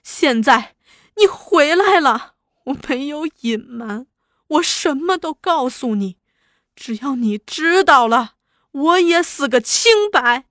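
A woman's voice: high voice, animated, slow, a bit bright, no room sound, studio quality, exaggerated voice. A woman voicing a wronged wife who pleads through sobs in a storybook reading. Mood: sobbing plea. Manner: sobbing, pleading speech.

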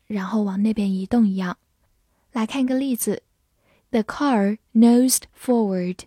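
Slow, careful woman teaching vocabulary. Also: fairly high pitch, a little mellow, dry recording, studio quality. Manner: spells words out letter by letter and reads example sentences slowly.

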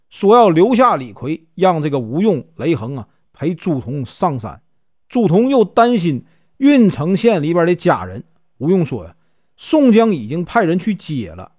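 A man's voice: a little high, a little mellow, no room sound, studio quality. A man with a Northeastern Mandarin accent telling a classic tale in a folksy, casual way, with many small fillers. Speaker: storyteller. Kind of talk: casual storytelling narration.

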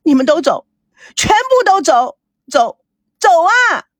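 A woman's voice: very high-pitched, very animated, takes it slowly, a bit bright, no echo, pitched above the performer's own voice, full character voice. A woman voicing an adult daughter who screams in frantic despair in a hospital room. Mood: screaming.

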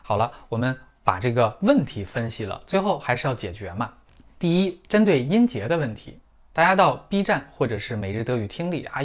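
A middle-aged man, a native Chinese speaker, teaching German pronunciation in a clear, methodical lesson full of everyday comparisons. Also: mid-range voice. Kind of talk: scripted lesson in Mandarin.

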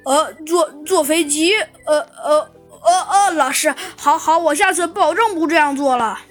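A woman's voice: high voice, animated, a little fast, a bit bright. A woman voicing a timid young monkey pupil in a children's story, stammering and meek, with faint music behind. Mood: tearful.

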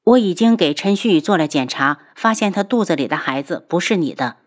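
A woman voicing a young noble lady who speaks calmly and firmly. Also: on the low side, brisk.

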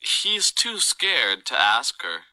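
A man's voice: mid-range voice, huge pitch swings, slow, bright, forceful tone, dry recording, heavily acted, low-quality recording. A man reading lines of a practice dialogue for a language lesson. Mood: plain.

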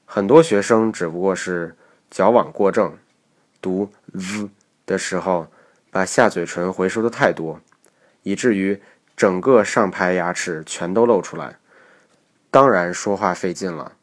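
A man with a very low voice narrates a pronunciation lesson. He explains each point step by step in a measured way. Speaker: English pronunciation teacher.

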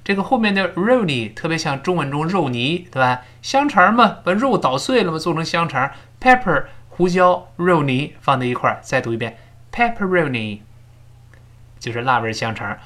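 A man teaching English pronunciation in a recorded lesson, drilling phrases slowly and explaining sounds step by step. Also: fairly high pitch, expressive, fairly bright tone.

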